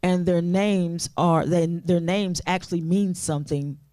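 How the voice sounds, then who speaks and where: A woman's voice: on the low side, fairly even intonation, a little slow, mellow, dry recording, clean studio sound. A woman author being interviewed on a talk show, speaking earnestly and often of faith and blessing. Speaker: author and guest.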